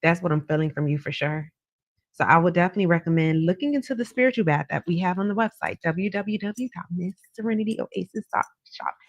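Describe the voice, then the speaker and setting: A woman's voice: fairly low pitch, fast talker, no echo. A woman hosting a live psychic hotline, giving conversational readings with effusive, familiar greetings and thanks to callers. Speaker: psychic tarot reader hosting a live call-in.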